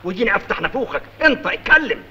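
A man playing an excitable, greying, middle-aged father-in-law with an Egyptian accent and a husky voice in a film comedy. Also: high voice, racing, heavily acted. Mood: impatient. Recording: dull old film soundtrack.

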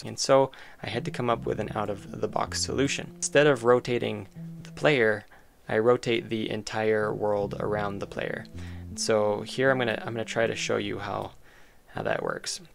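A game developer walks through a demo of his own project, casual and enthusiastic, thinking out loud as he goes. His lowish, creaky voice holds a steady tone at a moderate pace with few pauses, and music runs behind him.

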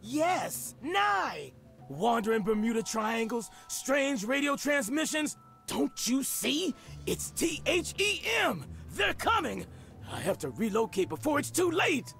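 An actor playing a paranoid, irritable store owner in a comedy video game, agitated and exasperated. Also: male voice, very high-pitched, very animated, slow, gravelly, fairly bright tone, full character voice. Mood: paranoid, alarmed. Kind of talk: animated comedy adventure game dialogue. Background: music.

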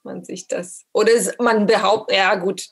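A woman's voice: mid-range voice, steady tone, normal speed. A woman from Italy, a cultural mediator speaking hesitantly, with many fillers, in a casual dinner-table discussion. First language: Italian. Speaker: panel participant, cultural mediator.

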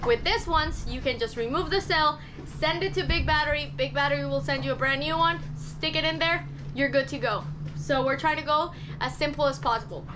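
A chatty woman vlogs from a cramped boat cabin indoors, speaking a little fast in a high-pitched voice with background noise. She explains things casually, sounds self-doubting, and gestures with her hands. She's filmed on a handheld camera held at arm's length.

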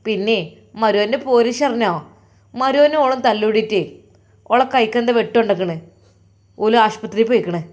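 A woman's voice: a little high, moderate pace, long pauses, close to an everyday voice. Woman doing a blunt gossiping mother-in-law. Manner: blunt, loud, dialect speech.

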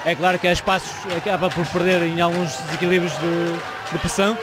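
Male co-commentator, European Portuguese accent, slightly high pitch, hesitant repetitive analysis, clear crowd din behind. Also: little pitch movement, fairly quick. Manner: hesitant, repeats words while analysing. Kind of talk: live sports analysis. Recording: loud crowd noise in sports hall. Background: crowd and arena noise.

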